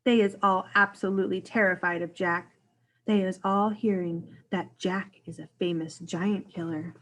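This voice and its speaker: A gentle storybook giant played by a woman speaks in a hushed, careful voice. He is earnest and cautious, with quaint, muddled grammar. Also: on the low side, fairly even intonation, normal speed, poor audio. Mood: hushed, knowing.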